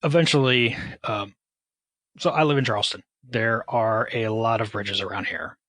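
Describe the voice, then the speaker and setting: A man's voice: fairly low pitch, moderate pace, fairly bright tone, no room sound, rough recording. A man speaking candidly and casually about his own experience, with wry, self-deprecating sarcastic asides. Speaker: podcast guest. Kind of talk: candid personal storytelling.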